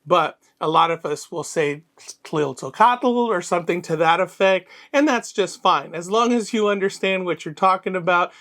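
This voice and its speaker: A man's voice: high voice, normal speed, few pauses, a bit bright. A man from Florida hosting an educational tarantula channel, explaining in a friendly, loose way with fillers and restarts. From Florida, USA. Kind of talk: educational video presenting.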